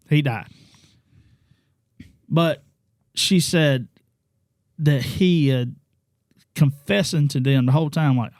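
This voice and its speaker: A man's voice: mid-range voice, creaky, a little mellow, no echo, studio quality. A man co-hosting a casual true-crime chat over drinks, telling the story with animation and teasing his friends. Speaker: podcast co-host.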